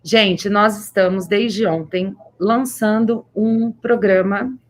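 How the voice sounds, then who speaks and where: A Brazilian woman talks through a face mask in a medium-pitched voice. She hosts an informal livestream for teachers as an education official. Her delivery is effusive and emphatic, with words repeated for stress. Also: steady tone, slow. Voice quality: slightly muffled, speaking through a face mask.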